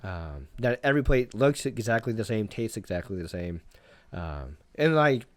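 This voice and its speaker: A young man, a private chef, chatting casually on a podcast in a relaxed, rambling way full of fillers. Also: lowish voice, normal speed, no echo. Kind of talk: casual interview chat.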